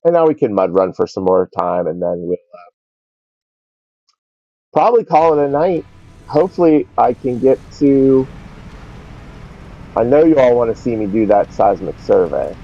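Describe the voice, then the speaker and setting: A man's voice: lowish voice, big pitch swings, moderate pace, warm tone, no room sound. A man streaming a game live, rambling and talking to himself as he plays. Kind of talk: casual live gameplay commentary. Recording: dull lo-fi stream audio.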